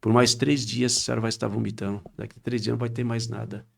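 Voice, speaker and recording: A man, a pastor recounting a healing testimony on a podcast, acting out dialogue and rising in pitch as he gets excited. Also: fast talker, gravelly. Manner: animated retelling with quoted dialogue, rising pitch when excited.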